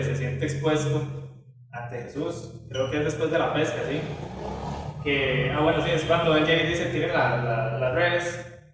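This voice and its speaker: Man, Bible study teacher, fairly high voice, conversational with restarts, far from the mic in an echoey hall. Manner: conversational, frequent filler tags and restarts.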